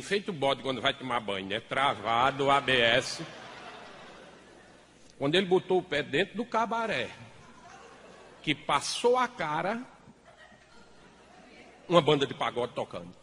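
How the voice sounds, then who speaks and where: A man's voice: medium pitch, animated, unhurried, pauses often, bright, forceful tone, in a large hall, a little hiss or hum. A male comedian, animatedly telling a comic story on stage and teasing the audience. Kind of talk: stand-up storytelling.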